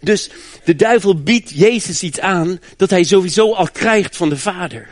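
A man's voice: high voice, a little slow, no room sound. Emphatic male preacher, dry close sound. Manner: emphatic, repeats words when restarting. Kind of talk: sermon.

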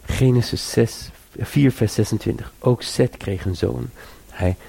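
A man's voice: medium pitch, a little slow, vocal fry, mellow, breathy edge. A man preaching a sermon, earnest and exhorting, repeating phrases and rising to urge listeners.

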